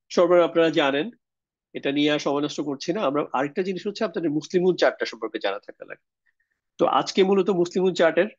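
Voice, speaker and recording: A man's voice: a little high, no echo, dull audio. A man teaching an online grammar class, explaining step by step and often checking whether the students follow. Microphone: video call.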